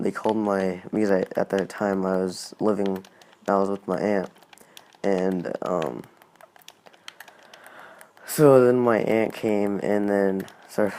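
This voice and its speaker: A man's voice: low voice, a little mellow. A man hosting a gaming channel, telling a casual personal story in a rambling way, full of "like"s and restarts.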